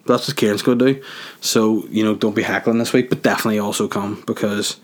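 A man's voice: fairly low pitch, fairly even intonation, fast. A young man, hosting a solo podcast from his garage in a rambling, crude, jokey way. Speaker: podcast host.

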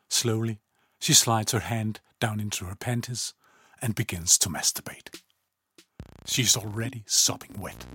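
A man reading a story aloud in calm, even scripted narration, often low and hushed.

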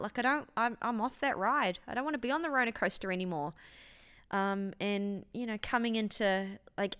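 A woman's voice: medium pitch, fairly bright tone. A woman, a gym owner talking in a rambling, emotional, sweary monologue. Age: 30s. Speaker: gym owner and podcast host. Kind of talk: casual monologue.

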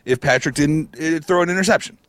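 A man's voice: on the high side, a little fast, a bit bright, no echo. A man with an American accent in a casual sports debate, opinionated, argumentative and swearing freely.

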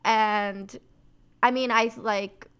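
A woman's voice: on the high side, steady tone, very slow, fairly bright tone, clear, resonant tone. A young Canadian woman, a DJ and rapper, chatting casually as a podcast guest, peppering her talk with "like" and laughing easily.

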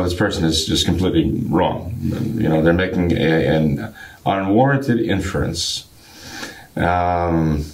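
A priest with a very low, harsh and gravelly voice, roughened by a cold. He explains doctrine in an interview, choosing his words deliberately, with hesitations and drawn-out words. The man sounds like a pastor patiently working through an argument point by point. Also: low-quality recording. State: getting over a cold. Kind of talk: religious discussion, explaining doctrine.

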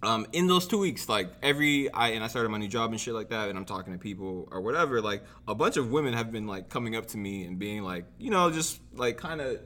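A man's voice: fairly low pitch, lively intonation, fast talker, hardly any pauses, bright, forceful tone. A young man co-hosting a podcast in casual chat, rambling and full of filler words and slang. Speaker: podcast co-host.

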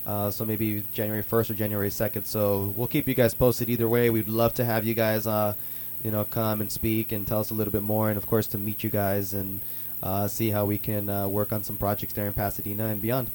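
A man's voice: fairly low pitch, fairly quick, slight background noise. A man hosting a radio talk show, chatting casually and upbeat with lots of fillers. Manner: relaxed, filler-heavy, upbeat.

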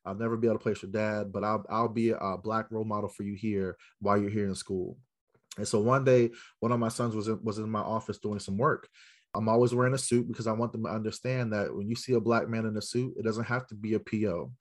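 A man from South Central Los Angeles, an educator appearing as a podcast guest, delivers a storytelling answer to a live crowd, emphatic and full of rhetorical questions aimed at them. He talks fast, his voice on the low side with fairly even intonation.

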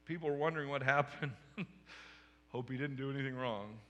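Man preaching a sermon, jokey storyteller, bright sharp voice, big echoey church hall. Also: mid-range voice, fairly quick. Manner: humorous storytelling that acts out the scenes. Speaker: pastor.

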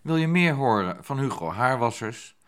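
A man's voice: medium pitch, lively intonation, a bit bright. A man hosting, asking probing questions and introducing clips. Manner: probing, measured. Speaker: host. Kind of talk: interviewing and presenting.

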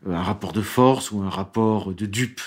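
A man's voice: lowish voice, normal speed, slightly rough. A man giving a law lecture in French, reading quotations aloud and talking with many fillers and restarts. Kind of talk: lecture with read-out quotes.

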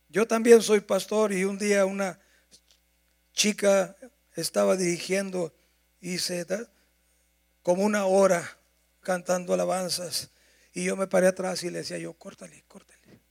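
A male pastor, preaching a sermon with drawn-out emphasis and loud passages. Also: high voice, creaky.

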